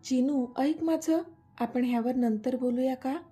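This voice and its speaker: A woman's voice: sits high, measured pace, warm tone, breathy edge, soft background music. A woman voicing a protective young mother who scolds and soothes her child. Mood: soothing. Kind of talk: storybook dialogue reading.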